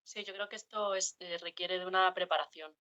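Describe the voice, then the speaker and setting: A woman's voice: lowish voice, steady tone, a little fast, bright, forceful tone, lo-fi sound. A woman taking part in a workshop discussion, speaking hesitantly and searching for words. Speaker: workshop participant. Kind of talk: answering in a class discussion.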